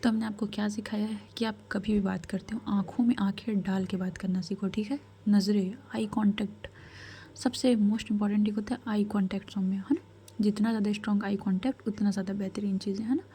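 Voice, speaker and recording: A woman voicing a calm, commanding royal grandmother who gives measured, firm advice. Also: mid-range voice, a little hiss or hum, close to an everyday voice. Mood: firm counsel.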